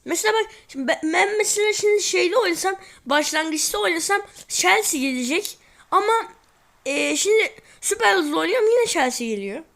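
A drowsy host of a football gaming channel talks at normal speed in a very high, fairly bright voice that is expressive and has some vocal fry. She chats and rambles while she plays, saying "neyse" a lot.

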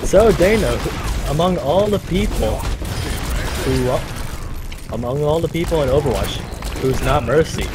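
A man's voice: on the high side, expressive, unhurried, pauses often, very noisy. A man asking crude playful questions in casual podcast banter.

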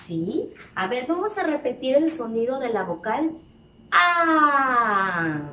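Woman, preschool teacher, drawn-out words, lively high voice, far from mic in an echoey room. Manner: drawn-out words, sing-song questions. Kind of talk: slow, exaggerated teaching to small children. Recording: echoey room, voice from a distance, faint background noise.

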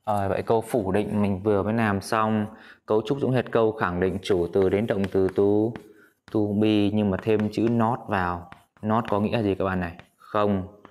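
Low-voiced man teaching English grammar. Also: fairly even intonation, a little mellow. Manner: patient, asks students questions, repeats examples slowly. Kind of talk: whiteboard grammar lesson.

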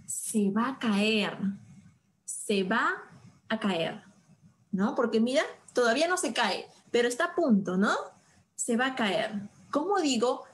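A woman leads a live online English class in a slightly high voice. She speaks slowly and deliberately and stretches out her example sentences. Her questions to students come with playful, expressive exclamations. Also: a little hiss or hum, poor audio. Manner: slow, drawn-out modeling of example sentences, asks students questions. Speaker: English teacher.

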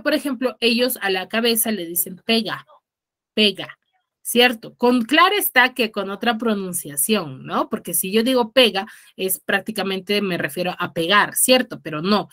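Her voice is a little high and a bit bright. She's a secondary school teacher from Huaraz, Peru, with a Peruvian Spanish accent, explaining a lesson over a video call in an online class and regularly checking that her students follow.

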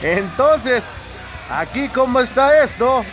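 High-pitched Mexican man calling lucha libre. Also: slow, music in the background. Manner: excitable, exclamatory. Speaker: wrestling commentator. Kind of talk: live lucha libre play-by-play commentary.

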